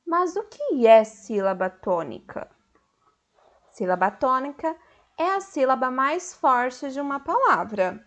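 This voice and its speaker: A Brazilian Portuguese-accented woman teaches a recorded lesson in a slightly high voice. She speaks at an unhurried pace, explaining patiently and clearly to children. In her examples she calls out words a little louder and stretches the stressed syllable. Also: sing-song. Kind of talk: recorded online school lesson.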